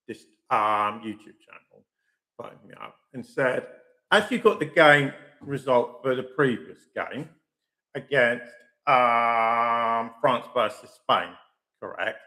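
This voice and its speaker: A man talking casually to his stream audience, his mid-pitched voice rising and falling a lot. He is chatty and opinionated, often stopping to say "okay" and repeat his points. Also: pushed and bright. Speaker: host of a live stream channel. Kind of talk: casual football opinion talk.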